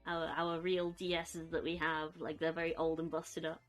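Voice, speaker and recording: A young woman chatting casually on a live stream from her bedroom, soft and rambling, cooing at her pets. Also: deep voice, monotone, normal speed, faint music behind.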